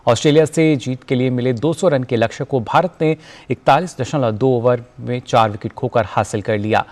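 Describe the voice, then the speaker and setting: Male news anchor, formal scripted read, measured and even. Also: medium pitch.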